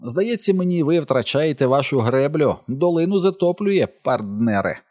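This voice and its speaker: A man's voice: a little high, lively intonation, moderate pace, a little mellow, no room sound, studio quality, pitched above the performer's own voice. A man doing a brash joking boy. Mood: teasing. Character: wisecracking loud boy clown, about eleven.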